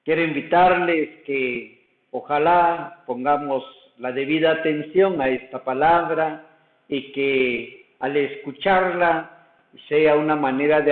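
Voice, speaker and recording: A man with a Guatemalan accent, a priest celebrating mass in a parish church, praying and preaching in a slow, solemn liturgical way. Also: a little high. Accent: Guatemalan Spanish. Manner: slow, solemn liturgical delivery, sings doxology. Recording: echoey church over a tinny line.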